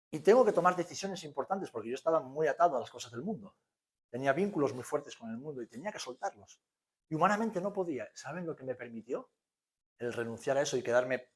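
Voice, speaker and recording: A pastor in his forties with an accent from Spain, preaching to his church. He drops to near quiet and then rises to loud peaks. His voice sits at an average pitch for a man. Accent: Spanish from Spain. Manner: preaching with sudden swings from hushed to loud. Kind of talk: sermon.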